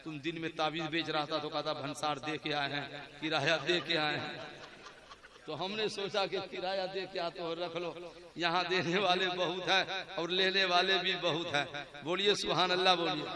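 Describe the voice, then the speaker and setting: A man's voice: on the high side, fairly even intonation, normal speed. A man preaching a sermon to a large religious gathering, putting questions to the audience and urging them to answer back. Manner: addresses the crowd, asks them questions and calls for responses. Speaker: Islamic preacher. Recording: live with audible crowd. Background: crowd.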